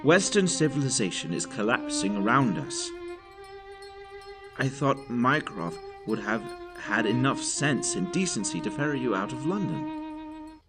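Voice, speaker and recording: A man playing a grave, weary older military doctor and leader in an audio drama, speaking in formal, measured phrases. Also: mid-range voice, huge pitch swings, over music. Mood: exasperated, urgent. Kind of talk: audio drama acting with journal narration.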